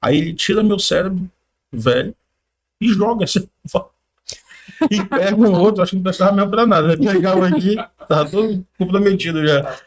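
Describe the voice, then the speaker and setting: As a podcast guest, a man shares his personal faith testimony in casual talk, telling it lively, acting out what other people said, and using informal slang. His voice is high and fairly quick.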